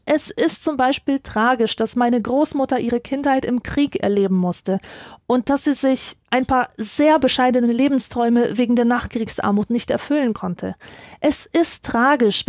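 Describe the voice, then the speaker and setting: A woman with a somewhat raised voice reads a scripted essay on philosophy. Her delivery is measured and carries a dry irony. The sound is close and dry, with no room around it. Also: sits high, darkish tone, no room sound. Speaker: essay narrator.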